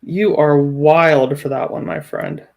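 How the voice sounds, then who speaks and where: A man's voice: a little high, fairly even intonation, slow pace, creaky, dull audio. A man co-hosting a sports podcast in casual chat, emphatic as he argues his points, with frequent restarts. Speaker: podcast co-host.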